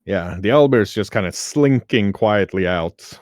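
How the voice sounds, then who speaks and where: A male game master narrating a tabletop game in a relaxed, wry, chatty manner. His voice sits fairly low and the recording is dry, with no room sound. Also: unhurried, dry recording.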